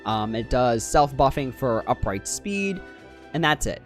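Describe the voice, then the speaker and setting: A man's voice: mid-range voice, animated, unhurried, faint music behind. A man streaming live over a headset mic, breaking down game stats in a critical, think-aloud manner. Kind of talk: casual livestream commentary.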